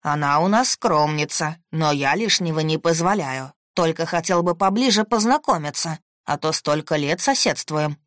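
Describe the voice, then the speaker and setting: Woman doing a sly, slow-drawling old grandpa. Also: low voice, lively intonation, no echo, clean studio sound.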